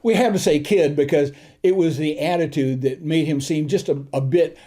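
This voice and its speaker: Older male host recalling old stories; warm, mellow tone, a bit high, easygoing and gentle. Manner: gentle, unhurried anecdotes with soft chuckles. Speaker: tutorial channel host. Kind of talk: reminiscing storytelling.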